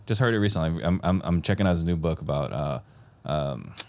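Very deep-voiced male podcast host. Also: animated, fairly quick, dry recording. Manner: stumbles and repeats words, easygoing. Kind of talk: casual interview.

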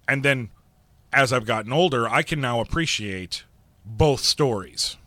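A man's voice: mid-range voice, unhurried, bright, forceful tone, no room sound. A man hosting a podcast, talking casually and reflectively with some self-deprecating humor. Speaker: podcast host.

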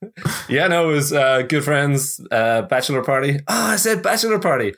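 A man's voice: on the high side, expressive, normal speed, fairly bright tone. A man co-hosting a gaming podcast, telling stories in an easygoing, laughing way. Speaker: podcast co-host. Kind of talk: casual chat.

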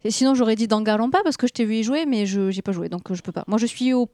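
A woman on a podcast panel talks fast in a fairly high, mellow voice and pokes fun at herself. The sound is dry and close. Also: dry recording. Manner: self-deprecating, quick. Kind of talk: casual group chat.

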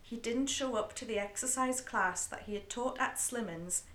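A woman's voice: on the high side, normal speed, fairly bright tone. A woman co-hosting a podcast who chats candidly, swears freely and reads narration between conversations. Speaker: podcast co-host. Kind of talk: casual chat and scripted narration. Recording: roomy echo.

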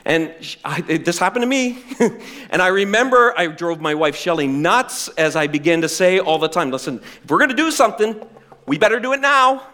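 A middle-aged male pastor preaching a sermon with animated, self-deprecating humor. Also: high voice, fairly quick.

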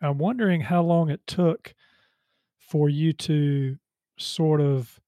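A man hosting a radio interview, speaking in a measured, halting way with many fillers. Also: a little high, dark tone, no echo, clean studio sound. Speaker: radio host.

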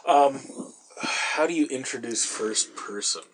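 A man's voice: medium pitch, takes it slowly, slight background noise, poor audio. Man lecturing casually with ums. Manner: digressive, lecturing, with frequent ums and repeated words. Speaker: podcast host answering a listener question. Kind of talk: casual explanatory talk.

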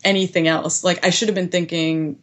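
A young American woman telling a story in casual conversation, animated and full of "like" fillers. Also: lowish voice, fairly quick. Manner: animated, heavy use of "like" fillers, laughs often. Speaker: guest recounting a past experience.

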